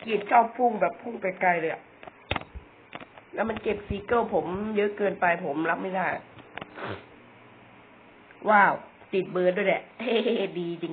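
A man's voice: sits high, unhurried, pauses often. A young man giving casual, chatty commentary on a video game, joking about himself and often repeating words. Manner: chatty, self-mocking, stumbles and repeats words. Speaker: gamer. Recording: tinny phone-like audio with faint noise.

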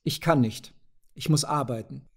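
A man reading a proud but gloomy male doctor who answers in hesitant, halting phrases. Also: mid-range voice, gravelly, husky. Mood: evasive.

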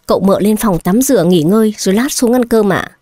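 A woman's voice: mid-range voice, fairly quick, mellow, dry recording, lightly acted. Woman doing a patient old housemaid. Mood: patient coaxing. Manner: polite, coaxing. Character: old household maid in her sixties, patient, dutiful.

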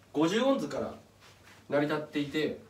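A man's voice: on the high side, very animated, a little slow. A man giving a casual, step-by-step explanatory talk as channel host, pointing things out on a chart as he goes. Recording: echoey room, mic at a distance.

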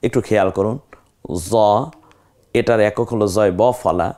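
Man, Quran teacher, TV lesson, lower voice, patient, repeats each letter. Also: steady tone, darkish tone. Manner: slow, patient, repeats letters for viewers to echo. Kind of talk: televised recitation lesson.

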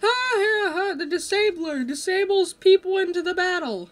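High pitched young dude, goofy gaming chat, lots of ums, desk mic. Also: male voice, normal speed. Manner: excitable, jokey, trails off with fillers. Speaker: host. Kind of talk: casual gameplay chat.

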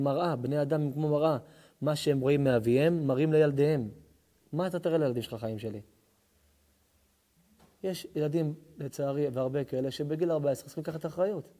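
Impassioned rabbi preaching, dark mellow voice. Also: male voice, on the high side. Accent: Israeli Hebrew. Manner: impassioned, rising to near-shouts at the opening, then hushed and intimate. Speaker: rabbi giving a lesson. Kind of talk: sermon to a live audience.

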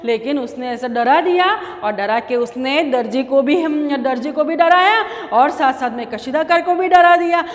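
High-voiced woman teacher. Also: normal speed, hardly any pauses, in a large hall. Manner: animated, explains words to pupils. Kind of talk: storytelling lesson for children.

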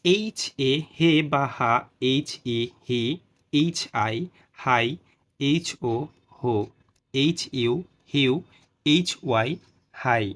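In a spoken phonics lesson, a man with a medium-pitched, slightly bright voice teaches English reading very slowly. He patiently spells out letter pairs and their sounds one by one, checking in often with "ঠিক আছে."

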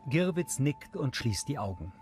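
A man reading scripted audio description in an even, matter-of-fact way, with music underneath. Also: mid-range voice, moderate pace.

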